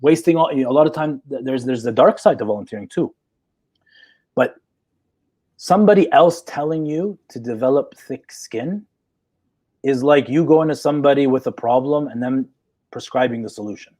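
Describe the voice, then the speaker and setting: A man's voice: mid-range voice, moderate pace, mellow. A man in his forties, a psychologist in a live chat, talking assertively and checking in with "okay?" as he explains. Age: 40s. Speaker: guest psychologist.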